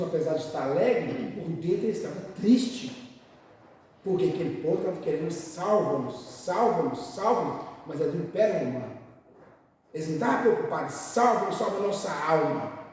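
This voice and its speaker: Man, bible lesson sermon, high lively voice, distant echoey hall. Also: a little hiss or hum. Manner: preaching with emphatic swings in loudness and pace. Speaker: teacher. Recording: roomy hall, far from mic.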